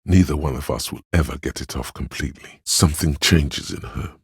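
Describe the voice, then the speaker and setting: A man voicing a calm, perceptive inner voice of empathy in a video game, narrating in a measured, hushed, gravelly and husky delivery. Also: a bass voice, no room sound, studio quality, exaggerated voice. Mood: grave, compassionate. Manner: measured, hushed, knowing, deliberate. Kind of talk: scripted second-person game narration.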